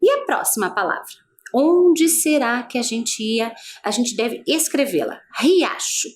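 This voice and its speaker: A female teacher with a Brazilian Portuguese accent, giving an adult-education video lesson, patient and asking many guiding questions. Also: a little high.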